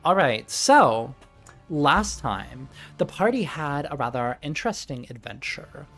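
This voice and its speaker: A game master runs a tabletop game, cussing and giggling in a Valley Girl drawl. The voice swings widely in pitch while the story gets told. Faint music plays behind. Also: sing-song, unhurried, a bit bright. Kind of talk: casual chat and game narration.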